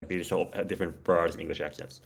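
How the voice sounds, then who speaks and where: A man's voice: sits low, fairly even intonation, rapid-fire, creaky, breathy edge. A man hosting a casual chat, talking eagerly with lots of fillers and laughs. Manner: enthusiastic, many fillers and laughs. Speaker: podcast host.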